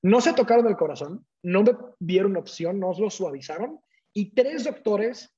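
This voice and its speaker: A man, a guest telling a personal story in an animated way and acting out the dialogue. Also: high voice, moderate pace, breathy edge. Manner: animated, acts out quoted dialogue. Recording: dull lo-fi audio.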